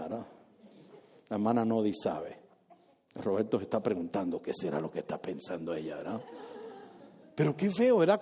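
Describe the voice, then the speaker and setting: A man preaching a sermon as pastor in a church, lively, asking the congregation questions and acting out little scenes. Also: on the low side, breathy edge.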